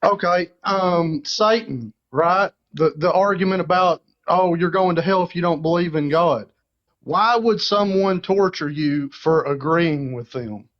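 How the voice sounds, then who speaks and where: A man's voice: on the high side, measured pace, lo-fi sound. A man with a Southern US accent calling into a talk show, earnest and a little hesitant as he makes his argument. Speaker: caller. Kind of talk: casual call-in chat.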